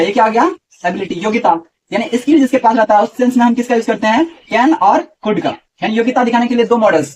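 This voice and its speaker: A man's voice: very high voice, darkish tone, distant mic, muffled recording. A man teaching a grammar lesson to a class, often asking questions and repeating the answers.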